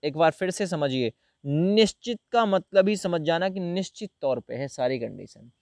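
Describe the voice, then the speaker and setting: A man's voice: fairly high pitch, expressive, moderate pace, darkish tone, no echo, clean studio sound. A man teaching a grammar lesson to a class of viewers, calling them friend and brother and acting out example sentences as he asks them questions.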